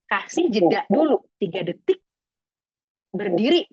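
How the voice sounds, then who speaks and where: A woman public speaking trainer leading a webinar lesson, expressive and lively as she demonstrates techniques. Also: medium pitch, a little slow, slightly rough, no echo. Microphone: video call. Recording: dull lo-fi video call audio.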